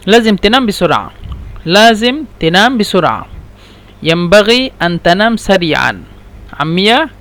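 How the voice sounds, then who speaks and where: High-voiced man drilling language phrases. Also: fairly bright tone. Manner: patient and repetitive, slow careful drilling. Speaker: Arabic teacher. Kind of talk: language lesson, repeating phrases slowly and spelling out letters.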